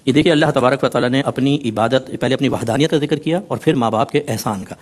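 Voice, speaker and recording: A mid-pitched man speaking as an Islamic scholar, explaining a scriptural verse at length. He talks earnestly and patiently, adding teasing asides and dropping English words into his speech. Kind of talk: religious discourse explaining a Quran verse.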